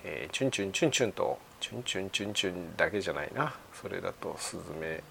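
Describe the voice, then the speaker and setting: Halting older man with creaky low voice. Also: animated, bright, forceful tone, a little hiss or hum. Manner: halting, thinking aloud. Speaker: radio segment host. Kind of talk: unscripted radio monologue.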